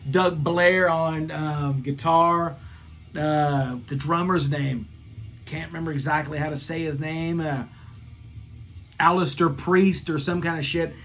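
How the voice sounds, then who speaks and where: A man hosting a rock review channel, talking excitedly and profanely about a concert and singing bits of the songs. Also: fairly high pitch, takes it slowly, soft background music.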